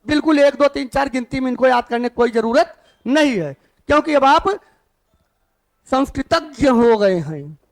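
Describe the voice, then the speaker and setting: A man's voice: very high voice, animated, moderate pace. A man teaching Sanskrit to a class, who asks his students questions and then answers them himself. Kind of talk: classroom lesson.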